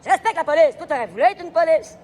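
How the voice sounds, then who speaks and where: A man with a Québécois accent, livestreaming a loud, provocative, rambling monologue in a public place and switching between French and English. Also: very high voice, animated, fast, a little hiss or hum. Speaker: live vlogger.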